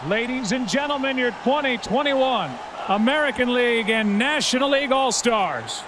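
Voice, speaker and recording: A man working as a stadium announcer, introducing lineups in a booming, showy arena style and drawing out names over the PA. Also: moderate pace. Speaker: stadium public address announcer. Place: large open-air stadium, over the PA. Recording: noisy stadium PA with loud ambience.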